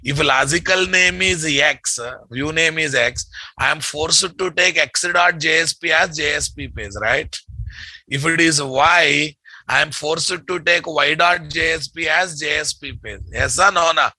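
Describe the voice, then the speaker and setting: A man's voice: on the high side, a little slow, bright, forceful tone, no room sound. A man with a Telugu Indian English accent lecturing as a programming instructor, emphatic and repetitive, often quizzing his listeners with tag questions. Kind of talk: classroom lecture, repeating terms for dictation.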